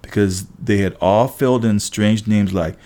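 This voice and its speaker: A man's voice: fairly low pitch, normal speed, dark tone. A man reading an audiobook aloud in a wry, conversational first-person storytelling manner. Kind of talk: audiobook narration.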